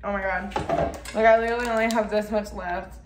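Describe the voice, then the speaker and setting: A young woman talking casually through a cooking tutorial in her apartment kitchen, excitable and chatty, full of "like" and "oh my God," picked up by a camera mic across the room. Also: medium pitch, brisk. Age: young adult. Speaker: cooking vlogger. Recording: echoey room, faint noise.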